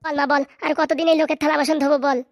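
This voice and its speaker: A quarrelsome middle-aged housewife from a Bengali comedy cartoon, voiced by a woman, scolds and bickers at a rapid clip. She has a Bengali accent and a fairly high voice, recorded close and dry. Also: little pitch movement, no room sound. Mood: scheming.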